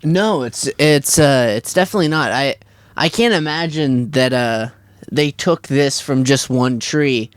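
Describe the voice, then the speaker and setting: A man's voice: medium pitch, clean tone, dry recording. A man co-hosting a casual podcast chat from a parking lot, rambling and restarting his sentences often. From Washington state. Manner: rambling, halting with many restarts. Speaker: podcast co-host. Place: parking lot near a van.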